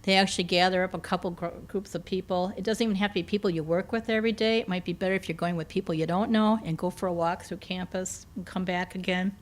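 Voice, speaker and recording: A woman's voice: lowish voice, fairly even intonation, fast, hardly any pauses. A woman speaking informally to a campus audience in a meeting room, conversational with many "um"s and self-corrections, her voice slightly strained and giving out at times. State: slightly losing her voice, occasional coughs. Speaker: campus career development speaker.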